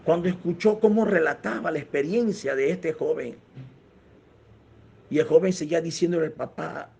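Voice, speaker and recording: A man's voice: on the high side, normal speed, creaky, mellow, slightly rough, lo-fi sound. A male pastor telling a story in a sermon, earnest and reflective, speaking directly to his congregation. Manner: earnest, reflective, addresses listeners as brothers.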